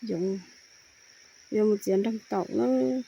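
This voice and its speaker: A woman's voice: mid-range voice, slow, gravelly, warm tone, muffled recording, slight background noise. A woman hosting her own channel, chatting casually and animatedly, often raising her voice, with faint crickets and insects behind her outdoors. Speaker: channel host. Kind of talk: casual chat.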